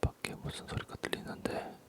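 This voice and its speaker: A male ASMR creator delivers a rambling whisper so faint it's barely audible. His low, breathy voice halts often and softly repeats words.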